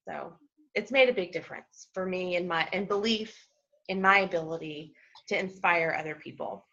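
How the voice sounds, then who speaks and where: A woman on a group call telling a story in a chatty, animated way, acting out what people said to her. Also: on the low side, normal speed. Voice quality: chatty, animated storyteller who quotes others. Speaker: team member on a call. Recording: dull lo-fi call audio.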